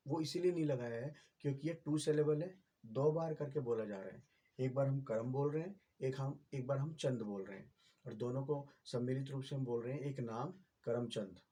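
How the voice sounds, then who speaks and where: A man's voice: mid-range voice, moderate pace, warm tone, breathy edge. A man, patiently explaining a writing lesson as a teacher, with many fillers and repeated checks.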